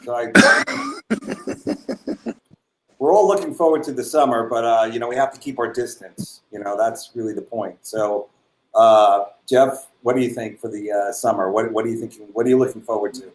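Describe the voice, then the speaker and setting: A man, a comedian trading jokes and chuckling often in casual banter. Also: normal speed. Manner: joking, chuckles often, lively pitch. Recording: echoey room with faint noise.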